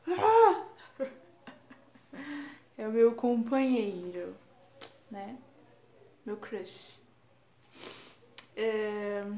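A woman's voice: medium pitch, gravelly, a little mellow, echoey room. A young woman from Brazil talking casually in a self-deprecating, chatty way as a vlogger at home. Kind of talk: casual chat.

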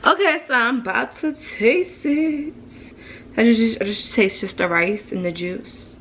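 A woman with a New Orleans accent chats casually beside the cook and often adds short agreements. Her voice sits a little high, and faint kitchen noise with clattering dishes fills the room. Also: unhurried, a bit bright. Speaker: co-host in the kitchen. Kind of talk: casual chat. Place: home kitchen.

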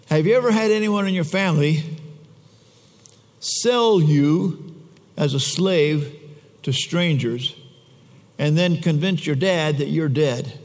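A man preaching a sermon in a church, telling the story in a casual, conversational way with chatty asides. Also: on the high side. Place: church sanctuary. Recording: long church reverb.

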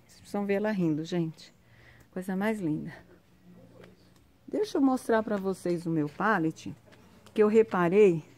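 A woman's voice: medium pitch, measured pace, pauses often, darkish tone. A woman giving a chatty, casual vlog tour of her sunny home garden, pointing things out to viewers, recorded outdoors on a handheld phone.

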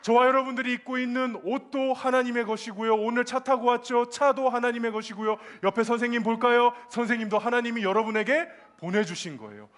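Guy giving a kids' sermon at church, fairly high voice, keeps asking the kids stuff. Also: fairly quick, hardly any pauses. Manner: lively, asks children questions, acts out quotes. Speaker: children's ministry preacher. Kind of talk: children's sermon. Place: church children's service.

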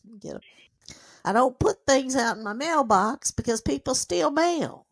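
Older woman, spry and feisty, fairly high-pitched voice with fry, phone conversation. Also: lively intonation, moderate pace.

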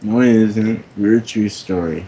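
A man's voice: fairly low pitch, moderate pace, a crowd in the background. A man chatting bluntly and self-deprecatingly during an online drawing game. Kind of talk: casual chat while playing an online drawing game.

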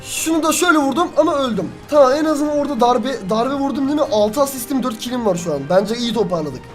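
An excitable young man commentates his own match as he plays it. He swears freely and yells at his teammates. Faint background music runs under his voice. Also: very high-pitched, fast talker. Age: young adult. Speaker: gaming youtuber. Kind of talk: live gameplay commentary.

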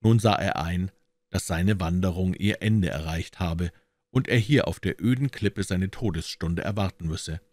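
A man narrating a classic detective novel as an audiobook reader, in measured storytelling with lively emphasis. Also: sits low, no room sound. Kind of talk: scripted narration.

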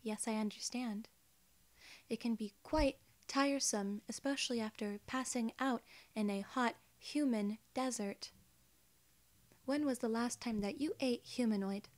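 Recorded in a small indoor space, a twenty-something woman whispers close to the mic as a gracious young female alien guarding a gate. Her slightly high voice stays gentle, measured and formal.

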